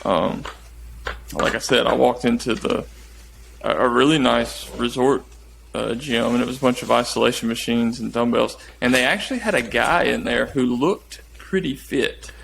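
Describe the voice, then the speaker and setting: A man co-hosts a casual fitness podcast, rambling through his thoughts and ribbing his partner. His voice has a gravelly, creaky texture at a middle pitch. A faint hiss runs underneath. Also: moderate pace, a bit bright. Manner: rambling, teasing, with many restarts and fillers. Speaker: podcast co-host. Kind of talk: casual chat.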